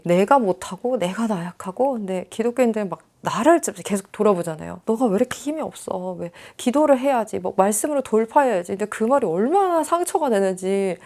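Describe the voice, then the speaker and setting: Soft-spoken woman with a gravelly low voice. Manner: calm, soft-spoken confessional. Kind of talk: candid personal testimony.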